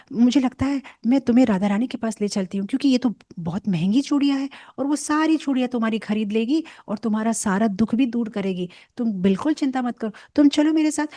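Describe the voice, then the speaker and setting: A woman voicing a young cowherd girl, scolding at times and eager at others, in a bright, raised storytelling voice. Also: fairly quick, hardly any pauses, no room sound, studio quality, lightly acted. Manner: scolding, excited, high.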